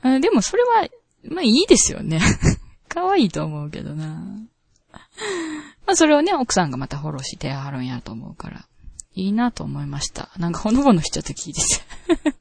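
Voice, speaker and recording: A woman's voice: lowish voice, very animated, fairly quick, gravelly, a little mellow, husky, dry recording. A woman with a Kansai accent hosting a casual radio show, reading listener mail in a chatty, laughing way. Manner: chatty, laughs often, self-conscious. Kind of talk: casual talk radio chat.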